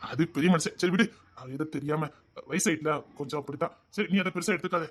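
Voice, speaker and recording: Over soft background music, a man with a Tirunelveli Tamil accent performs a comic family sketch at a quick pace. He trades teasing banter between relatives, jumping between high and hushed lines.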